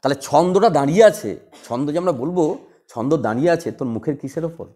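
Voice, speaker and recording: A man teaching a class, drilling students with quick repeated questions. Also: on the high side, lively intonation, mellow. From West Bengal. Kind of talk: classroom lecture.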